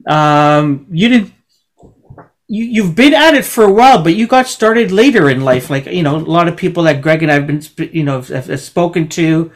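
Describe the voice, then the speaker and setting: Guy interviewer w a slightly high voice, casual, keeps stopping n circling his question. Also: lively intonation. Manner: halting, circling around the question.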